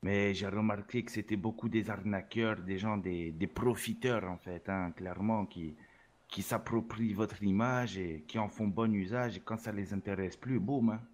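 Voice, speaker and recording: In a role-play interview, a man plays a swaggering Salvadoran rap label boss, boasting and peppering his talk with Spanish words and "hein." His lowish voice is steady and a little mellow, at a moderate pace, and the performance is lightly acted.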